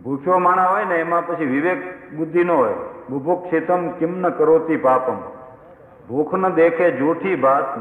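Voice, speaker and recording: A man telling a comic folk tale, chuckling through a lively delivery full of quoted exchanges. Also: a little high. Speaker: storyteller. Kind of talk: humorous folk storytelling. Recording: echoey hall with long reverb.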